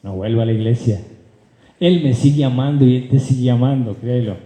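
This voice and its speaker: A male pastor, preaching a lively sermon, calling out loudly and then dropping to low asides, and putting rhetorical questions to his congregation. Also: brisk. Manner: animated preaching, swings from loud high calls to low asides; addresses the congregation directly, asks rhetorical questions. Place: church hall. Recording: echoey church hall.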